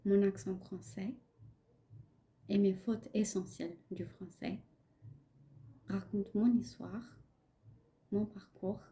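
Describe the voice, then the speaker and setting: A woman with a Pakistani accent and Punjabi as her first language, reading a reflective spoken-word monologue in a measured, poetic way that sometimes drops to a near-whisper. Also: mid-range voice, fairly even intonation, dark tone. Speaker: podcast host.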